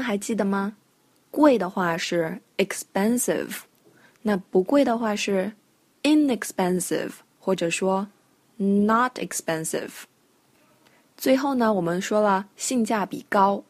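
A woman English teacher talks through vocabulary in a clear, patient way and spells words out letter by letter. Her voice sounds close and dry, with no room sound at all. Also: mid-range voice, darkish tone, no room sound. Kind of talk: podcast English lesson for Chinese learners.

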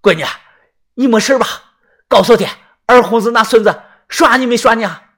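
Guy playing a gruff country dad, protective, raises his voice. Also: high-pitched, expressive, moderate pace, a bit bright, pitched above the performer's own voice, full character voice. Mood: angry. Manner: gruff, agitated. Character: rough, protective middle-aged farmer father.

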